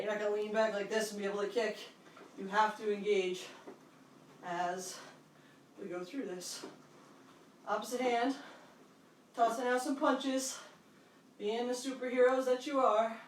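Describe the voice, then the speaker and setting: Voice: medium pitch, slight background noise. An aerobics instructor leading a workout, counting out moves and cueing them in short, encouraging phrases. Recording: echoey room, distant microphone.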